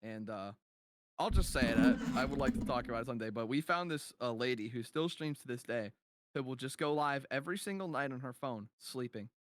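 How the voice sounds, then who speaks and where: A man's voice: medium pitch, a little fast. A man hosting a casual podcast chat, laughing often as he tells loose, rambling stories. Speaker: podcast host.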